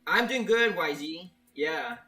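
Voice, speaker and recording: A man streaming a game and chatting casually with his viewers, his voice bright and a little higher than usual. He stammers and keeps restarting his sentences. He sits a bit back from the mic, with faint music playing behind him. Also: expressive, slow pace, far from the mic. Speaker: streamer, level maker. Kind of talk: casual live-stream chat, reading viewer chat.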